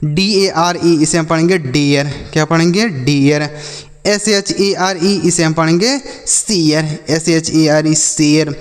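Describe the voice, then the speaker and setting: Man, high voice, phonics teacher for kids, slow spelling drills, repeats questions, long reverb. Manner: slow, repeats words and asks the class back. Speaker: English teacher. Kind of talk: phonics lesson for children.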